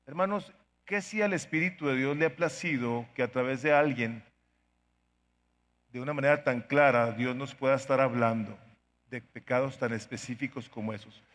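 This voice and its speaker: A middle-aged man, a pastor, preaching a sermon with pleading, dramatic swings in loudness. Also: medium pitch, moderate pace, in a large hall.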